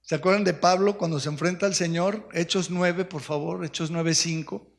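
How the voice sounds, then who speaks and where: High, gravelly pastor preaching. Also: male voice, fairly even intonation, normal speed. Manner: emphatic, peppered with rhetorical questions. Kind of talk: sermon. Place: church sanctuary.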